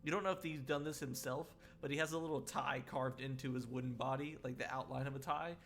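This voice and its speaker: A man's voice: medium pitch, steady tone, fairly quick, a bit bright. A man narrating a tabletop role-playing game as game master, rambling and chuckling with many fillers.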